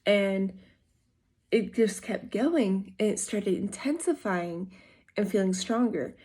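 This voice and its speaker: A woman's voice: mid-range voice, slow, a little mellow, husky. A young adult woman vlogging, telling a personal story in a casual, rambling way with many fillers and self-corrections.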